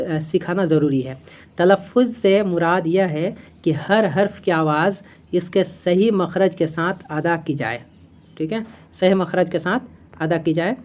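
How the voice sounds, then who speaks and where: A woman's voice: on the low side, a little mellow. A woman teaching an exam-prep lesson, reading from notes and explaining step by step, with fillers and self-corrections as she repeats key terms.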